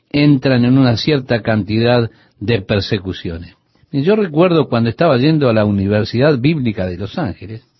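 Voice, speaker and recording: Male radio preacher, husky, animated intonation, earnest direct address; dry, dull lo-fi sound. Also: medium pitch, no echo. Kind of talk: radio sermon.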